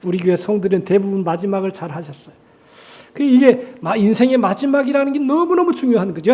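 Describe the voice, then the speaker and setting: High-voiced man preaching a sermon. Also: a little mellow. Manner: emphatic preaching with dramatic rises on quoted scripture. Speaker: pastor. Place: church sanctuary.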